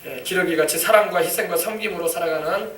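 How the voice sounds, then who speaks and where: A man's voice: high-pitched, fast talker, a bit bright, a little hiss or hum. A man preaching a sermon as a pastor, emphatic and repetitive, drawing responses from the congregation. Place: church sanctuary. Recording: echoey church, mic far off.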